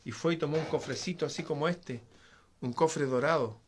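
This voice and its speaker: A man's voice: a little high, normal speed, a little hiss or hum. A man telling a folk tale in a casual, conversational way, with frequent asides and digressions. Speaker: storyteller. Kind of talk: casual oral storytelling.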